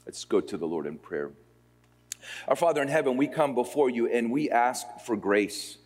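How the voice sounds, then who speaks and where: Expressive preacher man in a reverberant chapel. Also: medium pitch. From Puerto Rico. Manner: expressive preacher, shifts between slow emphatic and quick phrases. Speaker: pastor. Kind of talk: sermon with scripture reading. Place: seminary chapel. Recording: long hall reverb.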